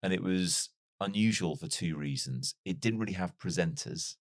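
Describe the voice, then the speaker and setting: A man in his forties who grew up in North Wales tells his life story as a podcast guest in a casual interview, reflective, wry and self-deprecating. His voice is low, his pace moderate, and his British accent mild rather than strongly Welsh. The studio-quality audio has no room sound.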